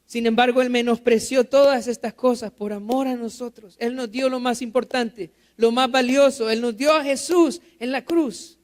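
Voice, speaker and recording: Very high-voiced male pastor preaching. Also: fairly even intonation, normal speed, hardly any pauses. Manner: asks the congregation rhetorical questions and repeats key phrases. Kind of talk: sermon. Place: church.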